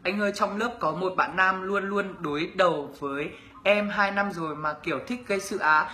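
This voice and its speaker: A man's voice: sits high, moderate pace, bright, forceful tone, reverberant. A young man from northern Vietnam with a Northern Vietnamese accent, chatting casually on a livestream, reading viewers' comments aloud and teasing them as he answers. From Bac Ninh, northern Vietnam. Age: young adult. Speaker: YouTuber answering viewer questions.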